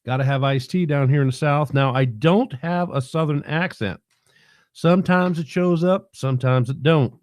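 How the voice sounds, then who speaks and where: Mellow-voiced New man chatting live. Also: fairly high pitch, moderate pace, dry recording. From New York. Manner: rambling, folksy, many fillers. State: tail end of a head cold. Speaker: host of a live broadcast. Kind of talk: casual livestream talk. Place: his home in the South.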